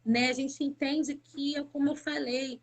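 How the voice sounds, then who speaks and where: A woman's voice: high voice, flat delivery, measured pace. A woman from Brazil giving an emotional personal faith testimony as a guest on a live stream, talking fervently and repeating words for emphasis.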